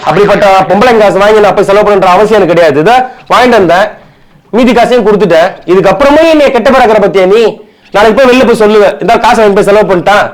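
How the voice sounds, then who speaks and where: A man's voice: sits high, fast talker, poor audio. A man with a Chennai Tamil accent in a bickering comedy skit, talking colloquially and argumentatively and often repeating himself.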